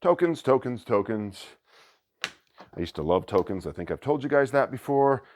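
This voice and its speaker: A man hosting a board game channel, chatting excitedly as he unboxes a new game and thinks aloud. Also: mid-range voice, moderate pace, a little hiss or hum. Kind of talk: casual unboxing commentary.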